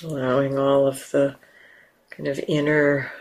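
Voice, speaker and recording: With a bass voice and flat delivery, a woman teaches a guided meditation. Each phrase is brief, soft and unhurried, followed by a lengthy pause.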